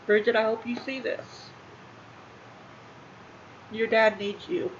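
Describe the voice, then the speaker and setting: Halting, emotional woman vlogging. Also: a little high, level tone. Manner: halting, emotional, repeats herself. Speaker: channel host. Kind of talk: casual talk to livestream viewers. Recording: slightly muffled with faint room noise.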